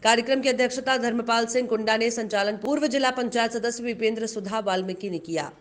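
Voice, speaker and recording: A woman reading a local news report as a voice-over, in a steady, formal delivery. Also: fairly high pitch, fast talker, heavy background noise. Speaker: news reader.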